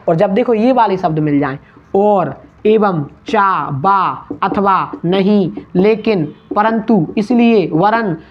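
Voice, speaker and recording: Man teaching in slow, drawn-out quizzing style. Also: high voice. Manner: calls listeners "beta", asks a question then answers it; drawls out lists of words slowly. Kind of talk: exam-prep grammar lesson. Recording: dull lo-fi recording.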